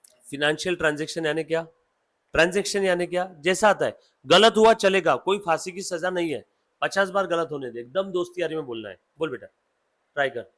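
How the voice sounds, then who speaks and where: A man's voice: on the high side, a bit bright. A man from India teaching accountancy in a classroom, mixing Hindi and English and often asking his students questions. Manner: dictates notes slowly. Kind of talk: classroom lecture.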